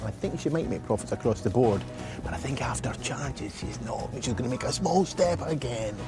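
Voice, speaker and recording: A man's voice: mid-range voice, animated, brisk, music in the background. A man, an antiques expert, bantering casually with dry teasing on television.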